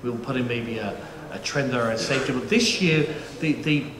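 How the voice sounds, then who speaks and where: Speaking a little fast, a middle-aged British man with a touch of something in his vowels moderates a conference panel at a typical male pitch. He jokes around, chats freely, and restarts his sentences amid fillers. The sound carries through an echoey auditorium with faint background hum.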